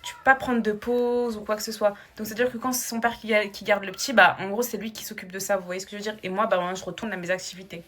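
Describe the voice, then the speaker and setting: A woman's voice: medium pitch, fairly even intonation, fast, few pauses, a bit bright. A young woman and new mother chatting casually to camera at home, with a slight accent and lots of fillers, calling her viewers girls. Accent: slight foreign accent in French. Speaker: vlogger. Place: at home, indoors. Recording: faint background noise, clicks.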